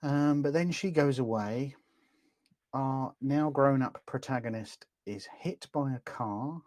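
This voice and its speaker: Casting note: male podcast co-host, wry and halting, mid pitch, dry close mic. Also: darkish tone, no room sound. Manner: hesitant, many ums and uhs, wry. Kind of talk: casual film-review chat.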